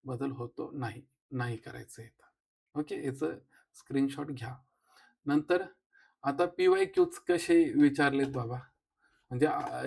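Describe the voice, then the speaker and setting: A man with a Marathi accent leads an exam-prep grammar lesson in a slightly high voice, recorded on a close microphone. He explains each point step by step and keeps turning to his listeners with quick rhetorical checks. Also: gravelly, darkish tone, slightly rough. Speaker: teacher.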